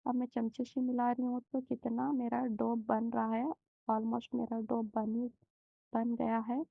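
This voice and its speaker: A young woman talks through a recipe slowly and gently, pausing often. Her fairly high voice stays flat and carries a gravelly fry. The recording is dry and muffled, as if from a home kitchen. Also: no room sound. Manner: slow, gentle, many hesitations. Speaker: home cooking channel host. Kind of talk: step-by-step recipe demonstration.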